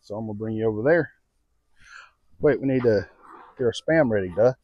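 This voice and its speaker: On a home patio, an American home cooking video host talks a little fast in a fairly low, expressive voice, folksy and informal, thinking out loud for his casual outdoor vlog. Radio music plays behind him, and the audio is dull with slight background noise.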